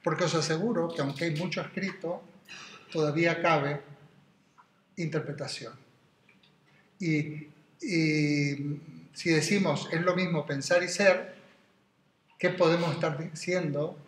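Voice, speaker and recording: A man's voice: a little high, fairly even intonation, a little slow, long pauses. A man giving a philosophy class to students, talking in a digressive way and checking in with tag questions. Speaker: philosophy teacher. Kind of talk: classroom lecture. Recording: echoey room with faint noise.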